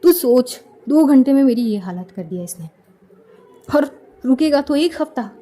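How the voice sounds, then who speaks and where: A woman voicing an irritated, quick-tempered young woman who complains loudly. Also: high voice, expressive. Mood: exasperated. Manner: exasperated, shouting complaints.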